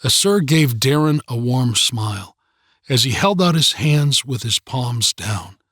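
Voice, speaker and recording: A man reading an audiobook chapter in calm, measured scripted narration. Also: mid-range voice, no echo, clean studio sound.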